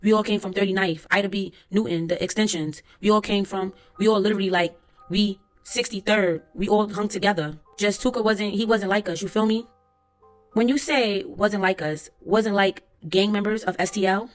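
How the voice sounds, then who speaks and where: A woman's voice: medium pitch, moderate pace, soft background music, close to an everyday voice. A woman reading as a young male court witness. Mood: plain. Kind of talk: transcript read-aloud.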